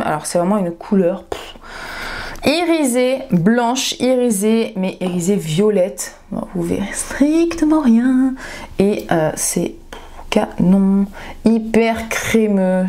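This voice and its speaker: Young woman, casual beauty vlog, effusive, piles up repeated words, mid pitch, home camera mic. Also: a little mellow. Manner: gushing and enthusiastic, repeats words for emphasis. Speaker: beauty vlogger. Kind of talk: casual makeup haul vlog.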